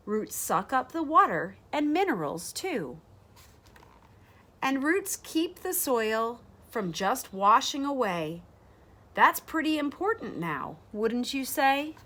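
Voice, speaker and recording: Reading rhyming verse from a children's picture book, this thirties-aged woman phrases things deliberately and expressively for young listeners. Her voice sits on the high side, and she's indoors in a bright sunroom full of large windows.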